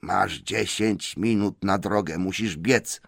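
A man voicing a brisk, commanding old male wizard in an audiobook, impatient and hurrying. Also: deep voice, creaky, husky, no echo, clean studio sound, heavily acted. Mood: urging. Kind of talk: audiobook character voice.

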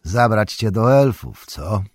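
A man voicing a stern old male wizard, speaking gravely and measured. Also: on the low side, lively intonation, dry recording, studio quality. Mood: amused.

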